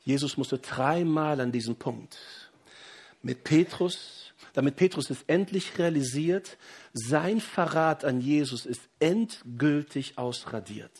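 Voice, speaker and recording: A middle-aged man, a pastor, preaching a sermon with rising emphasis and pauses, addressing the congregation directly. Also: fairly high pitch, darkish tone, breathy edge.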